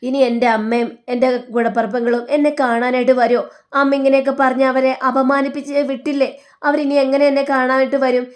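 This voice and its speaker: A woman's voice: sits high, level tone, brisk, lightly acted. A woman reading as a tearful young wife. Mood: worried. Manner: pleading, worried.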